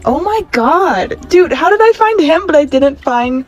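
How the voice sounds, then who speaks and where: A woman in her twenties talking casually and excitedly to a phone camera while shopping in stores. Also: high-pitched, measured pace. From California. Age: 20s. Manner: gushing, excitable, chatty. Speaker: vlogger. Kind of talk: casual shopping vlog narration. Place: in stores with background music, holding a phone.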